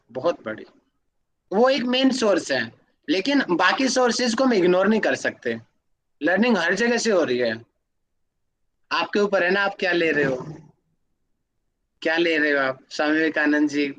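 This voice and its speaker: A man's voice: on the high side, moderate pace, pauses often, fairly bright tone. A man teaching an online class, explaining with examples and putting questions to his students. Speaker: yoga academy teacher.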